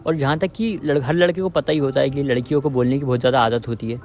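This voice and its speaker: A man's voice: mid-range voice, steady tone, fast talker, darkish tone, faint music behind. A man hosting an advice video, talking straight to his viewers, calling them friends and repeating his points again and again. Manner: repetitive, addresses viewers as friends. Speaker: dating advice video host. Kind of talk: direct-to-viewer advice talk.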